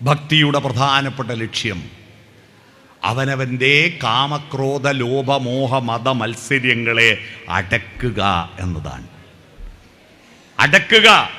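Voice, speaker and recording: A man's voice: high-pitched, pushed and bright. A man with a Kerala Malayalam accent giving a devotional talk, telling stories, asking rhetorical questions and breaking into sung verses. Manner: storytelling, sings snatches of hymns, rhetorical questions. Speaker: spiritual speaker.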